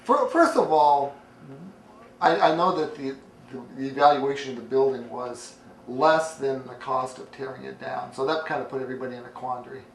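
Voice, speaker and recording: A man's voice: medium pitch, normal speed, roomy sound, far from the mic, a little hiss or hum, rough recording. A man hosting a morning interview show, asking loose, rambling questions.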